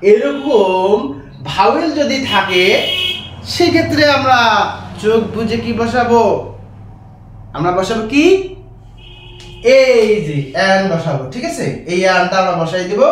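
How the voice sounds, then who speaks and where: A high-pitched male teacher explains grammar to his class and keeps checking that they follow. He sounds far from the mic, in a very echoey room with faint noise behind him. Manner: repetitive, checks in with "right?" often.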